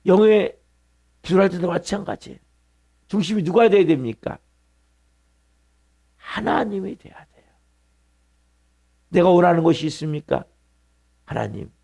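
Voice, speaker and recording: A middle-aged male pastor delivers an early-morning sermon in a church sanctuary. His voice sits slightly high for a man and carries a gravelly edge. He drives home points by repeating words and asking the congregation questions. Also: a little fast, pauses often, warm tone. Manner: preaching with emphatic repetition and questions to the congregation.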